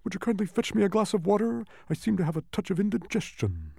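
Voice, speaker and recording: A self-important storybook humbug, pitched very high, with sweeping swoops. The bug is gluttonous and fickle, declaiming every florid phrase with great emphasis. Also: male voice, sing-song, moderate pace, darkish tone, no echo, clean studio sound. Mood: wheezing, distressed.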